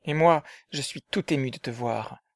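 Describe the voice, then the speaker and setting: A man voicing Riquet, an eager, affectionate young man in love, in a dramatized story reading, often hushed and conspiratorial. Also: mid-range voice, moderate pace, close to an everyday voice.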